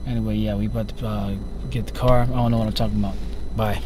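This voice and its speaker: A man's voice: lowish voice, little pitch movement, quick pace. A young man vlogging casually to a handheld camera in a car, joking and laid-back. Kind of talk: casual vlog. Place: parked car and outdoors at a rental lot. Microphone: handheld camera at arm's length. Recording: noisy car and street ambience.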